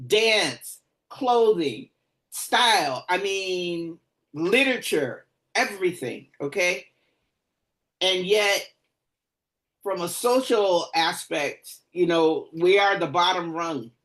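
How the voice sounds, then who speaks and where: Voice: medium pitch, animated, slow pace, fairly bright tone, low-quality recording. A meeting host speaking emphatically in a group discussion, often checking that listeners agree with her. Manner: emphatic, asks "okay?" for agreement.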